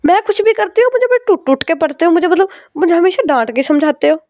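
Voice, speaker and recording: A woman's voice: extremely high pitch, expressive, fast, a little mellow, no echo, voice pushed up. A woman voicing a cheeky young daughter who complains and coaxes in a whiny way. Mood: complaining.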